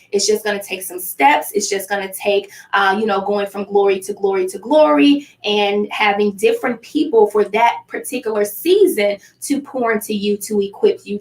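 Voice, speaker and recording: A woman hosts a talk show in a mid-range voice. She speaks in an encouraging, faith-based way. The sound is roomy and picked up from a distance. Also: medium pitch. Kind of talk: conversational talk show hosting.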